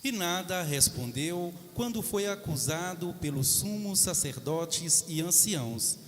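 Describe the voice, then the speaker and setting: A man narrating the Passion Gospel in church, reading slowly and steadily. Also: on the high side, lively intonation. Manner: slow, measured reading. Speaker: reader of the Passion. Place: large cathedral. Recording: echoey cathedral hall.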